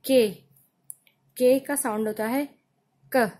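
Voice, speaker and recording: A woman with an Indian accent gives a phonics lesson for children. She speaks very slowly, sounding out each letter and repeating it several times. Her voice sits a little high. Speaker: teacher.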